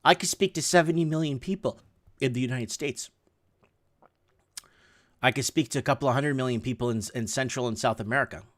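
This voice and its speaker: A middle-aged livestream host, a native Portuguese speaker, talks fairly quickly in a mid-range voice and pauses often. He reads and casually comments on news headlines, with rambling sarcastic asides.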